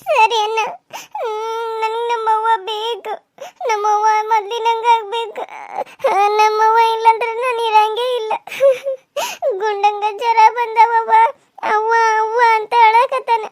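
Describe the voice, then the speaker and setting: A woman's voice: extremely high pitch, moderate pace. A woman voicing a tearful teenage village girl who pleads with her mother, with a North Karnataka Kannada accent. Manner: pleading, sobbing. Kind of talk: cartoon serial voice acting.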